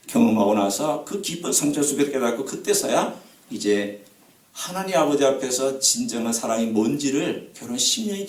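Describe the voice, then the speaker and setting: A man in his fifties preaching a revival-meeting sermon, telling personal stories emphatically to the congregation. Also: fairly high pitch. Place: church sanctuary. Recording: echoey church hall, voice from a distance.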